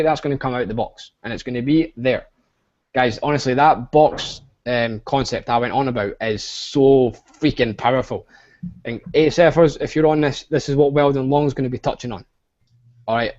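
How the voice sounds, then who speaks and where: Man, Scottish accent, young adult, webinar host, rambling, excitable, dull call audio. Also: medium pitch. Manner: hyped, rambling, heavy with fillers. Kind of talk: casual online webinar pitch. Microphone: video call.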